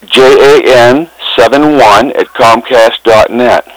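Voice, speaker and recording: A man calling customer support by phone, plainspoken and halting as he explains himself. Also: medium pitch, low-quality recording. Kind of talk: customer service phone call. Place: on a phone call.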